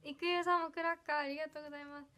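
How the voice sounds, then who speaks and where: Giggly young woman from ehime, iyo accent with kansai bits, high voice, chatting on a stream from home. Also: flat delivery, rapid-fire. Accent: Iyo dialect of Ehime mixed with Kansai. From Ehime, Japan. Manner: bubbly, giggly, often trails off softly. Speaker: livestreamer reading viewer comments. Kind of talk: casual birthday livestream chat.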